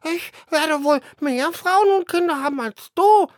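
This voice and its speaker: Shrill, cocky young sparrow birds, squeaky and quarrelsome; storybook. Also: male voice, dry recording, clean studio sound. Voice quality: squeaky, breathless chirping voice. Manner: hurried and quarrelsome.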